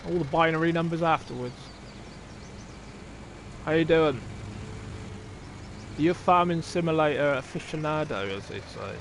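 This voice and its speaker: A man's voice: on the high side, moderate pace, long pauses, a little hiss or hum. A man live-streaming a farming game, thinking aloud, chatting to viewers and swearing casually as he plays. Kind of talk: casual live-stream chat while playing.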